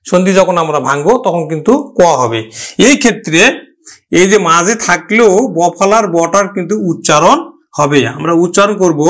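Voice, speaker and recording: A man with a high, light voice teaching a grammar lesson. He asks a question, answers it himself, and drills each example word slowly, saying it more than once. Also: fairly bright tone.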